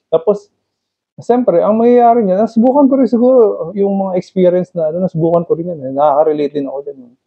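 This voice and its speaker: A man's voice: high voice, fast, slightly rough. A man, a wellness coach, chatting casually on a podcast, affirming and reflecting with frequent tag questions. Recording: tinny phone-like line.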